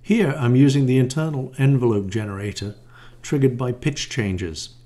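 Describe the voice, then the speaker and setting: In a small home room, a module designer narrates a product demo, walking through and showing off his own design. He speaks at a moderate pace in a dark, mid-range voice.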